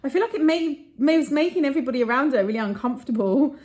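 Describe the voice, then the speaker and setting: A woman's voice: lively intonation, darkish tone, a little hiss or hum. Chatty, laughing woman vlogger. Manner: chatty and gossipy, laughs often, quick pitch jumps. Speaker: vlog host. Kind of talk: casual vlog chat to camera. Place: hotel room.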